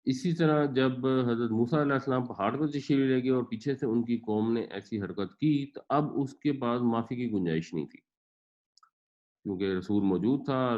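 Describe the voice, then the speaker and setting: A man's voice: mid-range voice, darkish tone, muffled recording. A man teaching a Quran class, patiently explaining grammar and pronunciation with everyday examples. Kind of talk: explanatory lecture.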